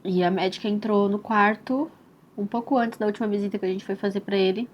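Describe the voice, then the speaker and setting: A young Brazilian woman tells her own story as a mother in a soft, tender and reflective way, often adding "né?" and "assim". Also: medium pitch, fairly even intonation, a little fast. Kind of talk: personal testimonial storytelling. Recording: slightly dull recording with faint hiss.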